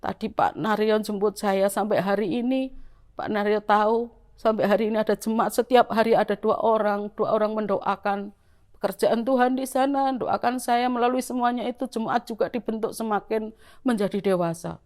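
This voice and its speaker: A middle-aged woman with a Javanese-influenced Indonesian accent, telling her church testimony to the congregation in a lively storytelling way. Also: medium pitch, moderate pace. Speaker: church member giving testimony.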